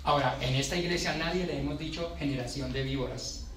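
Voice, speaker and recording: A man's voice: medium pitch, quick pace, fairly bright tone, slight background noise. A man preaching a sermon in a church, emphatic and conversational with touches of humor.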